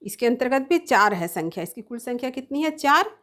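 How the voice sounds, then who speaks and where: A woman's voice: sits high, big pitch swings, a little fast, a bit bright. A woman teaching a grammar lesson, explaining step by step, sounding out letters one at a time and answering her own questions.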